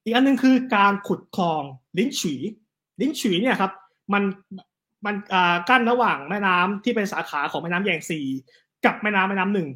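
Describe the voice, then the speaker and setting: A man, telling history stories in a casual, animated chat. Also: high voice. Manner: animated, fast storytelling with quick asides. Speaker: guest storyteller on history.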